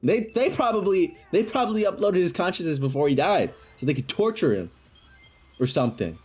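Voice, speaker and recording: A man rambles through an improvised comic story in a husky voice, his pitch bouncing up and down with animation. He keeps stopping to correct himself and changing course mid-sentence. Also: very animated, brisk, faint music behind.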